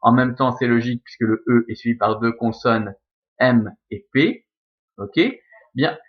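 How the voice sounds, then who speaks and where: A man with a Belgian French accent talks through a lesson at a middle pitch, patient and methodical. He fills his sentences with small hesitations and corrects himself as he goes. The recording sounds slightly dull and lo-fi. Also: fairly even intonation, a little slow. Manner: patient, methodical, with frequent fillers and self-corrections. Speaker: Latin teacher. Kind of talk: recorded lesson explaining verse scansion.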